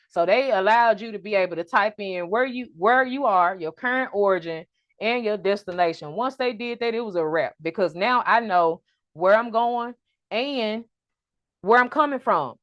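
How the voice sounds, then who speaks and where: Energetic woman teaching trucking. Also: a little high, no echo, lo-fi sound. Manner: energetic, preacher-like call and response. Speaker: trucking business presenter. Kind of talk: online workshop presentation.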